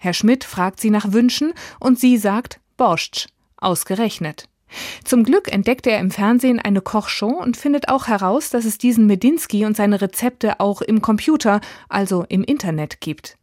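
Woman, audiobook presenter, calm measured narration, mid-range voice, dry close sound. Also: medium pitch, dry recording. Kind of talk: scripted radio narration.

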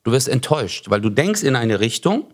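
A man's voice: mid-range voice, fairly quick. A man with a Swabian accent, a comedian hosting a podcast, chatting casually and acting out dialogue as he tells stories. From Germany. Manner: animated storyteller who acts out dialogue in joke retellings. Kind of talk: casual conversation.

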